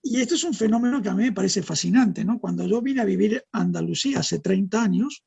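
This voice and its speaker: A middle-aged man from Argentina with an Argentine accent softened by years in Spain, explaining things in a measured way and often adding tag questions as an interview guest. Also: high-pitched, vocal fry, breathy edge. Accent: Argentine, softened by decades in Spain. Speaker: guest neurologist. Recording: dull, muffled audio.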